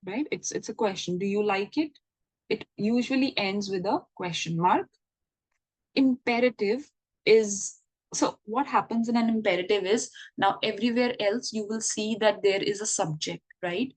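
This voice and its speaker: A woman's voice: medium pitch, moderate pace, dry recording. A woman giving an online English grammar lesson, explaining patiently and checking in with the listener. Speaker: English teacher.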